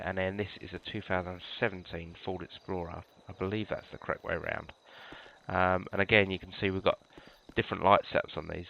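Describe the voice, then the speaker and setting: Here a British man, nose blocked by a cold, rambles through a casual look at a game's police cars, stopping to um and restart. He speaks in a low voice with vocal fry over lo-fi sound.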